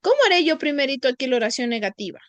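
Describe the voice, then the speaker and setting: A woman English teacher giving a lesson, speaking slowly and patiently and repeating each phrase for her students. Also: sits high, expressive, dry recording.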